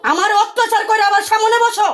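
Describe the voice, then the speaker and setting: A woman from Bangladesh in an exorcism session, loudly and rudely defying the healer. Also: very high-pitched, fairly even intonation, fast talker. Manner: loud, defiant, rude. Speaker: person treated in exorcism. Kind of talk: defiant shouting back in exorcism session.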